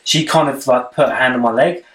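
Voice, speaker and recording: A man's voice: mid-range voice, fairly quick. Young man in an echoey room. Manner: relaxed, rambling, restarts. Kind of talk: casual chat about dating. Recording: echoey room, mic a bit far off.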